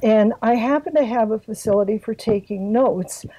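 A woman's voice: a little high, fairly quick, warm tone, no room sound, rough recording. An older woman from Canada, a guest in an interview, talking casually with lots of fillers and restarts. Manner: hesitant, many fillers and restarts. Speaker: guest, arts health board secretary.

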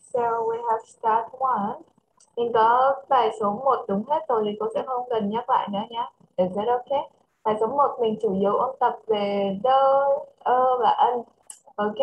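A woman with a Vietnamese accent teaching English to a child over a video call, switching between English and Vietnamese and reading English phrases slowly. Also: on the high side, dull audio, slight background noise. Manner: mixes English and Vietnamese, slow careful English. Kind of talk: online English lesson for a child.

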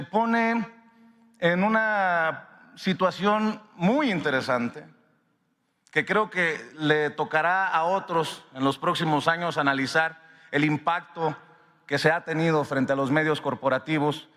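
Man in his fifties, earnest formal address, pitched a touch high, long hall reverb. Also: pushed and bright. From Sonora, Mexico. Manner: earnest and grateful, emphatic with drawn-out pauses. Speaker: independent media director giving a speech. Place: large ornate hall in a palace. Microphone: podium microphone.

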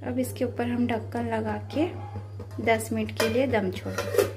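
A middle-aged woman explaining a home recipe step by step, repeating each step in a steady teaching way, recorded on a phone over a stove in her home kitchen. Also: a little high, moderate pace, over music. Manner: steady instructional, repeats steps. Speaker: home cook vlogger. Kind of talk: step-by-step cooking narration.

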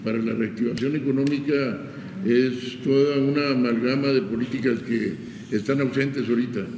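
Male reporter, measured and critical, dark voice, roomy echo. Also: mid-range voice, fairly even intonation, a little hiss or hum. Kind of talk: press conference comment.

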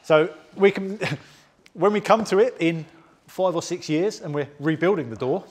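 A man's voice: fairly high pitch, moderate pace, breathy edge. A man, hosting a car restoration vlog and explaining his work casually. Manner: chatty, explains as he goes, laughs easily. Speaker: channel host restoring a car. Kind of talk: casual workshop vlog chat. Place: large indoor garage workshop.

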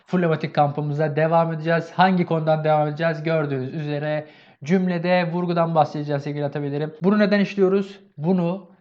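A man's voice: a little high, muffled recording. A man teaching a grammar lesson with energy, asking and answering his own questions and often repeating an affectionate address to his viewers. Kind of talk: online exam-prep lesson.

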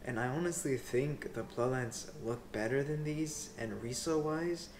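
Sitting in a small room before window blinds, a young sneaker resale vlogger talks casually to camera. His medium-pitched voice runs at normal speed with slight background noise, full of laid-back slang and "like" and "bro".

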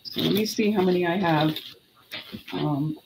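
Slow-paced middle-aged woman selling live online. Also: fairly low pitch, noisy background. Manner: unhurried, chatty, counting and muttering to herself. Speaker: online live-sale seller. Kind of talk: casual live selling chat. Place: indoor room with clothes racks.

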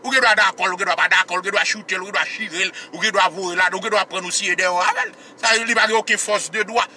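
Forceful, high-pitched Haitian commentator. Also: male voice, steady tone, fast talker, a little hiss or hum. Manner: repeats phrases and asks rhetorical questions; mimics others in a raised, mocking pitch. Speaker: political commentator, show host. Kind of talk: animated political commentary.

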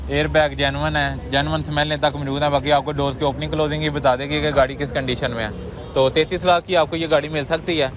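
A man hosting a car market walkaround, describing cars in brisk salesman-like patter and interviewing sellers on a handheld mic outdoors. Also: a little high, level tone, crowd noise. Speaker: host presenting cars at a market. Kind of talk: walkaround commentary and street interviews. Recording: outdoor street noise behind.

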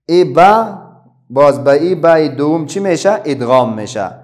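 Afghan dari guy teaching little kids, kinda high voice, slow careful explaining. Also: lively intonation, a little mellow. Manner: explains patiently, asks questions then answers them himself. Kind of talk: children's religious reading lesson.

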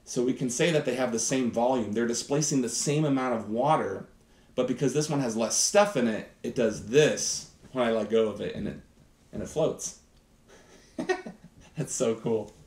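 A man's voice: medium pitch, moderate pace, a little mellow. Enthusiastic man teaching science in kitchen. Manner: enthusiastic, chatty, talks to viewers. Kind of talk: live science demonstration. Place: home kitchen set, indoors. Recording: roomy kitchen echo.

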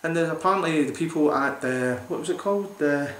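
A man's voice: a little high, fairly quick, fairly bright tone. Rambling man reviewing beer. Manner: rambling, enthusiastic, hesitant with many fillers. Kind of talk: casual beer review vlog. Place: small room indoors. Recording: roomy echoey home recording.

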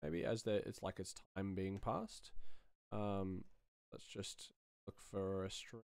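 An Australian sound designer in his thirties works on a live stream in a small indoor room, chatting offhandedly and answering chat close to a desk microphone. His voice is low and a little mellow, with a flat delivery and slow pace, and there's a bit of hiss or hum.

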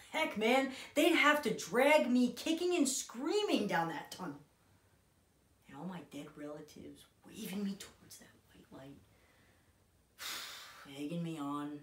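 A man in his twenties acting an intense dramatic monologue as a grieving, bitter son, halting and swinging between hushed and forceful delivery. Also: high-pitched, pitched above the performer's own voice. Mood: agitated, defiant. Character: grieving, bitter young man recalling his dying father. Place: small room indoors, on a couch. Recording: roomy indoor echo.

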